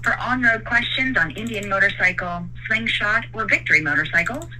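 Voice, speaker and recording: A recorded automated phone menu voice reading polite scripted options in an even, measured way. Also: mid-range voice, a little hiss or hum, poor audio. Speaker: automated phone system greeting.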